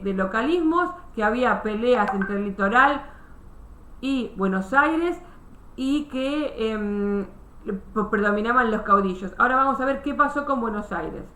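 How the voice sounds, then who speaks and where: A woman's voice: on the high side, bright, forceful tone, echoey room. A woman teaching a history class over a video call, explaining step by step with restarts and checking that students follow.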